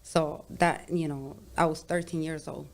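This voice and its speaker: Young woman from Sonora, lowish voice, open and talkative guest. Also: steady tone, a little slow, creaky. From Sonora, Mexico. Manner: open, chatty, says "like" and "you know" often. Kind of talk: casual interview chat.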